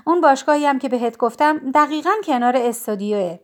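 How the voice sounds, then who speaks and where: A woman's voice: high-pitched, lightly acted. Woman doing a hesitant young brother.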